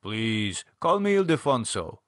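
A man's voice: on the low side, sing-song, measured pace, a bit bright, no echo, clean studio sound. A man voicing a lawyer in his fifties, eager and formal.

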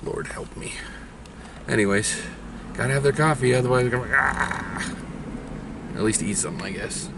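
A man's voice: mid-range voice, moderate pace, creaky, long pauses. A man in his forties, a father chatting and joking to the camera on a family road trip, filmed at arm's length inside a car. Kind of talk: casual road-trip vlog. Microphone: camera held at arm's length. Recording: road noise behind.

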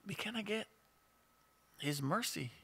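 Here a middle-aged man preaches in Hawaiian Pidgin-tinged English, his high-pitched voice animated, creaky, a bit bright and slightly rough at a measured pace. As a pastor seated at a stand mic in a small church room, he keeps the sermon conversational and asks the congregation questions.

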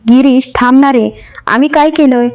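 A woman's voice: sits high, normal speed, darkish tone, dull audio. A woman voicing a hurt, tearful older mother protesting, in a storybook reading.

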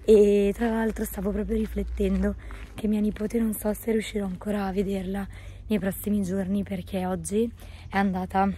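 A woman chats casually to a vlog camera, hoarse and losing her voice, at times breaking into a whisper. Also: medium pitch, mellow, a little hiss or hum. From northern Italy. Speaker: daily vlogger. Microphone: phone at arm's length.

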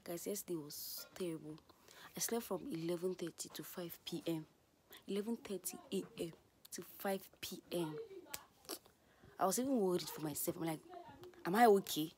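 A woman's voice: on the low side, normal speed, a little mellow, slight background noise. Chatty young woman vlogger. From Nigeria. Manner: chatty, self-deprecating, whispered asides. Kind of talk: casual vlog chat.

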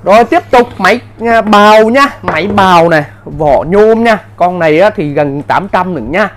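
A man giving an insistent hard-sell live sales pitch as a seller, in short, repetitive bursts. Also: lively intonation, normal speed, a bit bright, a little hiss or hum. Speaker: live-sale seller of power tools.

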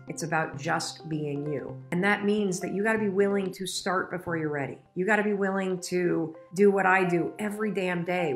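A middle-aged woman with a lowish voice tells a personal story and turns it into a motivational talk. She speaks emphatically and with feeling, addressing her viewers directly, and faint music plays underneath. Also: a bit bright.

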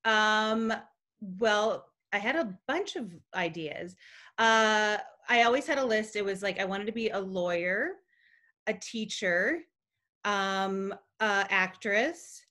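A middle-aged woman chatting as a guest from home, telling lively stories and acting out the people she quotes. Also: mid-range voice, takes it slowly. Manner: lively storyteller who acts out quoted people. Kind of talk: casual chat.

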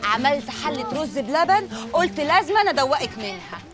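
An actress with an Egyptian accent playing a flattering young neighbour woman who sweet-talks an older lady. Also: high voice, fairly quick, music in the background. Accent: Egyptian Arabic. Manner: sweet-talking, ingratiating.

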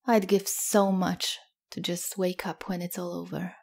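A tired, worried father in an audio story, speaking quietly under the weight of bad news, as a woman narrator reads him. The delivery is low and flat in pitch, with a husky breathiness. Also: a little slow. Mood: weary. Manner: quiet, heavy-hearted. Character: worried middle-aged father, weary.

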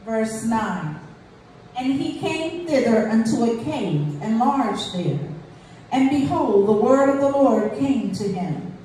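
A woman reading scripture aloud at a church service, slow and measured. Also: fairly high pitch, animated, dark tone. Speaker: scripture reader. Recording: echoey room, voice from a distance, faint noise.

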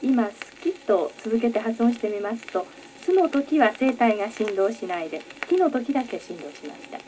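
Woman with a bit of a high voice, careful and polite, faint hiss from an old record. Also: lively intonation, normal speed, warm tone, low-quality recording. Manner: clear, careful, polite delivery. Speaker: announcer assistant. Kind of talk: demonstrating pronunciation in a lesson.

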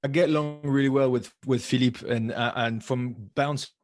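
A man's voice: medium pitch, fairly even intonation, normal speed, darkish tone. A man co-hosting a podcast over a video call, asking rambling, teasing questions. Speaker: podcast co-host. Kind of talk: casual podcast chat.

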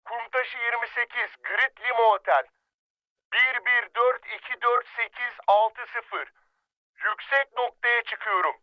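A man's voice: extremely high pitch, takes it slowly, dry recording. An actor playing a male soldier reporting from the field over a two-way radio, in clipped call procedure. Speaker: field unit radio operator. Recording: dull lo-fi radio sound, dry.

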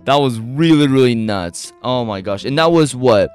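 A man's voice: mid-range voice, moderate pace, smooth, faint music behind. A man hosting a beatbox reaction video, talking casually and rambling with fillers. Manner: excitable, gushing exclamations, rambling with fillers.

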